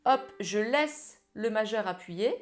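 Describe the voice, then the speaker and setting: A woman's voice: medium pitch, animated, slow. A woman giving a casual ukulele lesson, talking informally and directly to the viewer. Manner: friendly, informal, addresses viewer as tu. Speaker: ukulele teacher. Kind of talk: casual music tutorial. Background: ukulele playing.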